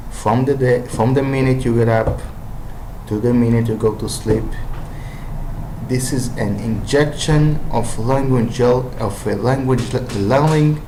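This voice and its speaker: A man with an Israeli accent, whose first language is Hebrew, talks informally about how to learn languages, hesitating and restarting with lots of fillers. His mid-range voice is a little mellow, and the recording carries roomy echo plus a little hiss or hum.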